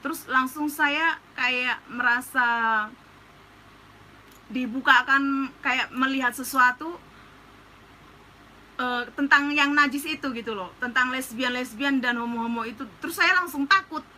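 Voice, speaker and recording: A woman's voice: high voice, unhurried, pauses often, pushed and bright, a little hiss or hum, poor audio. A woman pastor giving a personal testimony in a chatty storytelling manner, full of fillers, turning to earnest urging of her listeners. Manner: earnest, urgent exhortation. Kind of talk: sermon testimony.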